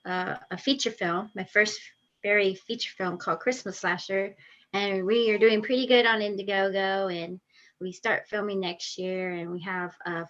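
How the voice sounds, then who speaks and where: A woman actress and filmmaker answering interview questions over a video call, eager but halting, with frequent fillers. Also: mid-range voice, fairly bright tone, highs cut off.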